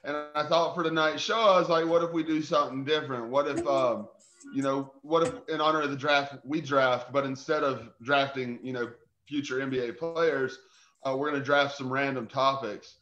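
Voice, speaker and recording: Co-host on a bad connection. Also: male voice, mid-range voice, fairly even intonation, moderate pace, a bit bright. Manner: upbeat, laying out the game rules. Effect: bad connection, cutting out. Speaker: podcast co-host. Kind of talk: casual sports podcast chat. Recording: dull, echoey remote call audio.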